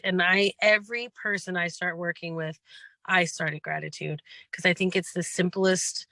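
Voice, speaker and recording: A life coach leads a gratitude workshop in a bright, forceful voice with a hoarse edge from losing it. The talk rambles earnestly and encourages the listener along. The recording is dry and close, with no room sound. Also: mid-range voice, no echo. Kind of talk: casual spoken workshop lesson.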